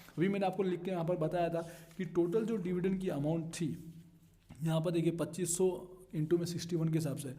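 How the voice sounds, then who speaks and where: Male accounting tutor. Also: high voice. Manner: steady teacherly walkthrough, checks in with students. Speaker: commerce tutor. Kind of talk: explaining an accounting solution.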